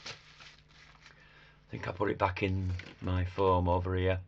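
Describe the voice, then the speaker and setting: A man with a croaky, hoarse voice giving a casual hands-on craft demonstration, muttering small asides to himself as he works. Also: sits low, monotone, takes it slowly, dull audio, slight background noise. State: hoarse after a chest infection. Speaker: craft tutor demonstrating sugar flowers.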